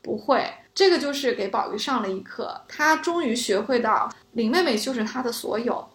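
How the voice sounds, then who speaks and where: A woman co-hosting a casual chat about a classic novel, telling scenes with animated delight and laughing often. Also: on the high side, moderate pace, reverberant. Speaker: podcast co-host.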